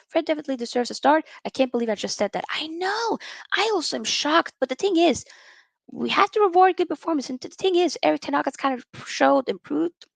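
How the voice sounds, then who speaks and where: Young woman from Norway, livestream host, chatty and animated, slightly high voice with vocal fry. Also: brisk, dry recording. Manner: animated and chatty, reads out viewer comments. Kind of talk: casual live-stream chat with viewers.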